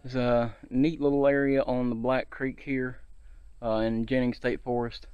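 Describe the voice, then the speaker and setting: A man in his thirties, an outdoor vlogger, chats easygoingly to viewers while hiking through a forest to a shallow creek, filmed on a handheld or body-mounted action camera. His medium-pitched voice barely moves in pitch, and he speaks a little slowly with a clear, resonant tone. The recording is muffled but has no echo.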